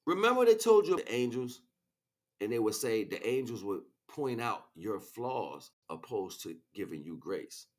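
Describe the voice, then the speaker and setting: His lowish voice swings widely in pitch and moves a little slowly. As a livestream host and spiritual teacher, he gives an improvised, informal lecture, driving home repeated phrases and frequently checking in with his audience.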